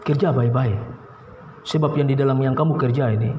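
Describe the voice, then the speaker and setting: A male pastor with a Papuan Indonesian accent preaching a sermon, swinging from low pleading to sharp high outbursts, recorded in a church hall. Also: fairly quick, a little hiss or hum. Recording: roomy, dull, reverberant church recording.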